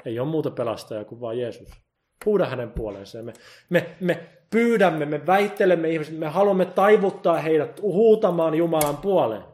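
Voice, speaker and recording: A man preaching a sermon with passion, moving from loud emphasis to quiet, intense appeals and quoting God in the first person. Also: a little high.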